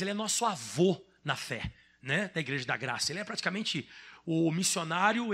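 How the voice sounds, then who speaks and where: A Brazilian man preaching a sermon with a Brazilian Portuguese accent, swinging between shouted emphasis and quiet passages. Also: fairly high pitch, husky. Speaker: pastor.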